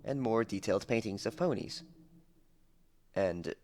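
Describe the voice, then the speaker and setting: This young man is an audiobook narrator delivering a story as dramatic scripted narration. His fairly low, darkish voice is expressive and a little slow, recorded on an amateur headset mic that picks up some noise.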